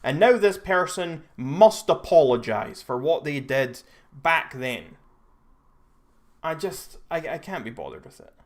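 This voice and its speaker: A man's voice: on the high side, sing-song, a little slow. A young Scottish man hosting a live stream, chatting casually and rambling with frequent restarts and self-corrections. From Scotland. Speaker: livestream host.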